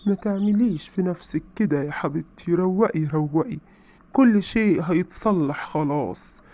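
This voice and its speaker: A man with an Egyptian accent playing an older mother who calms her children down in a skit. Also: fairly high pitch, normal speed, lightly acted. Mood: soothing. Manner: soothing, calming. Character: older mother, soothing and calm. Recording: dull lo-fi sound.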